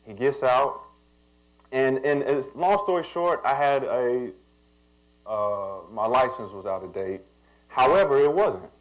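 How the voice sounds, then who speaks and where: A man's voice: medium pitch, lively intonation, measured pace, slight background noise, poor audio. A young man, a pastor telling a personal story in a sermon and building to emphatic preaching.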